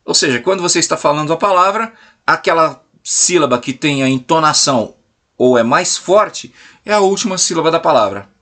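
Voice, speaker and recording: A Brazilian man teaching a recorded class to young pupils, coaxing and checking in with frequent questions, drawing out key words slowly. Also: a little high, animated, pushed and bright. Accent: Brazilian Portuguese. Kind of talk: recorded remote class lesson.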